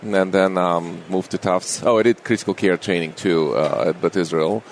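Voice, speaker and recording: A middle-aged man from Russia, speaking in a friendly, unhurried way as an anesthesiologist guest on an interview show. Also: low voice, a little hiss or hum. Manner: unhurried, friendly, with small grammar slips. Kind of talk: casual interview conversation.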